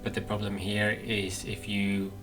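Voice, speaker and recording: A gaming video host gives casual playthrough commentary, thinking aloud hesitantly as he muses over his choices. His voice is lowish, monotone and a little slow. Game music plays in the background.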